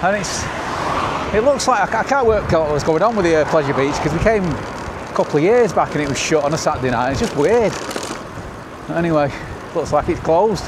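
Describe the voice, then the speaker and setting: Expressive and brisk, this middle-aged man's voice runs somewhat high, carrying a northern English accent. As a cycling vlogger on his bicycle outdoors, he delivers easygoing ride-along chat with a travel-host cheerfulness. Wind and traffic noise are heard throughout.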